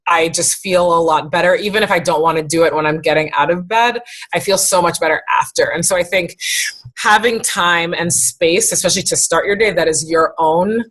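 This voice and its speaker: A woman's voice: fairly low pitch, brisk, fairly bright tone. A woman from the US East Coast in a casual interview, chatty, peppering her speech with "like" and "right". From United States East Coast. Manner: chatty, says "like" and "right" often. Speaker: podcast guest.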